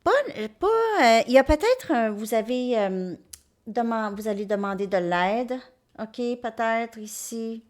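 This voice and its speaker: A woman's voice: a little high, unhurried. A woman with a Québécois accent giving a casual, rambling spiritual talk to her viewers as a tarot reader, often checking in with "ok?" and restarting her sentences. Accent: Québécois French. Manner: rambling, repeats "ok?" and "hein", many restarts.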